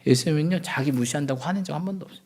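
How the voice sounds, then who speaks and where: A man's voice: fairly high pitch, racing, darkish tone. A man, a pastor, preaching a sermon at a Friday night church service. He acts out everyday quarrels and keeps asking the congregation for agreement.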